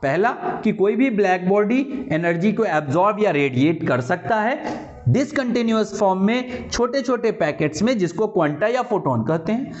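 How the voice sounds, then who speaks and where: Male teacher, playful explainer who acts out voices; high voice, muffled lo-fi sound. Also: lively intonation, normal speed, a little mellow, echoey room. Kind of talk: explanatory lecture. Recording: dull lo-fi recording.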